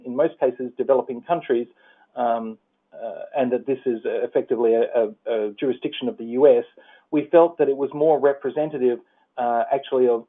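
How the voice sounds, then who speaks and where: An Australian man walks listeners through his slides on a conference call. His middle-pitched voice comes through a narrow, tinny phone line. He talks haltingly, filling pauses and restarting his sentences. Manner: halting, many fillers and restarts. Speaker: presenter.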